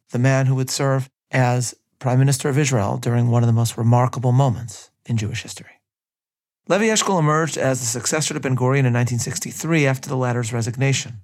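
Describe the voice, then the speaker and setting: A man reads a scripted history narration in a gravelly, creaky voice at a mid pitch. He moves at a measured pace and breaks in now and then with his own view. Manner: measured reading with personal asides. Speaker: history podcast host.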